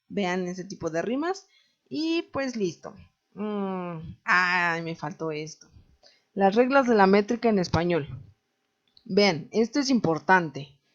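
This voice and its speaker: A woman teacher with a Mexican Spanish accent explains verse and rhyme step by step, often pausing to check that her students follow. Her voice sits at a middle pitch. The recording sounds a little dull and lo-fi. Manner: patient, explanatory, often asks "¿no?". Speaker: literature teacher. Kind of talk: recorded online class.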